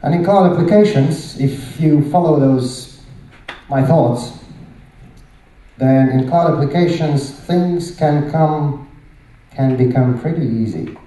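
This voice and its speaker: Taking his time, a middle-aged Latvian conference speaker with a Latvian accent delivers emphatic short lines and rhetorical questions in a slightly high, dark voice. He uses a handheld microphone in a large indoor hall, and the recording is very echoey and distant.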